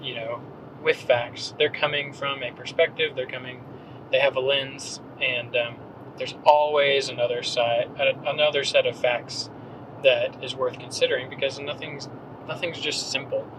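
A man's voice: medium pitch, fairly even intonation, normal speed, noisy background. A man in his thirties from North Carolina, a podcast guest talking casually with many ums and restarts. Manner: hesitant, rambling, frequent ums and restarts. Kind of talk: casual conversational interview.

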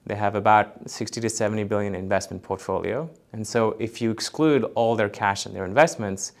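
A man's voice: lowish voice, fairly quick, creaky. A man giving conversational, explanatory answers as an expert podcast guest, often saying "you know". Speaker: portfolio manager, podcast guest.

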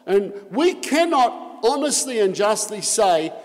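Male priest, cathedral echo, long church reverb, slightly high voice, earnest emphatic preaching. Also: sing-song, takes it slowly. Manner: earnest preaching with strong emphasis on key phrases. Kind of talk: Mass gospel reading and homily. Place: large church.

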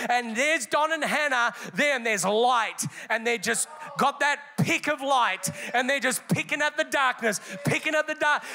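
A man's voice: extremely high pitch, pushed and bright. A man preaching a sermon as pastor, emphatic and repeating phrases for rhythm.

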